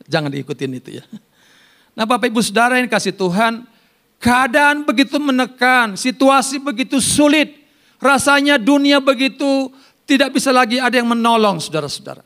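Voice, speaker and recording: Seorang pendeta pria berkhotbah dengan hidup, bergantian antara seruan keras dan sisipan pelan, sambil bercanda dengan jemaat. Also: male voice, extremely high pitch, moderate pace. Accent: Indonesian. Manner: animated preaching with loud rises and soft asides; jokes with the congregation by name. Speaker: pastor. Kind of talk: sermon.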